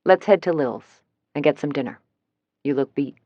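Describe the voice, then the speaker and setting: A woman's voice: low voice, moderate pace, no room sound, dull audio. A woman reading the lines of a hungry, impatient grown man in an audiobook, dry and teasing.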